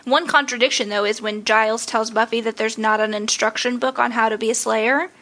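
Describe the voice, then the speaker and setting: Chatty woman with a higher voice. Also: fairly even intonation, pushed and bright. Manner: chatty, laughs often, quick asides. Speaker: podcast co-host. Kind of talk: casual chat about a TV show.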